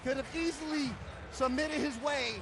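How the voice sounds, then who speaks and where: A man's voice: extremely high pitch, fairly even intonation, normal speed, creaky, over music. A man calling a live MMA fight play-by-play, emphatic and given to storytelling.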